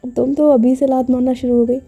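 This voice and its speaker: A woman's voice: high voice, flat delivery, a little fast, mellow, soft background music. A woman voicing a lovestruck young woman who pleads and sweet-talks her partner in a spoken love story. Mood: coaxing.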